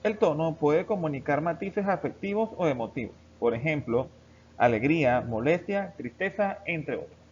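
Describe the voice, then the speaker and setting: Higher-voiced male teacher, lo-fi lesson. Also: moderate pace, few pauses. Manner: steady explanatory delivery, addressing students directly. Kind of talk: recorded classroom lesson. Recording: dull lo-fi recording with faint background hiss.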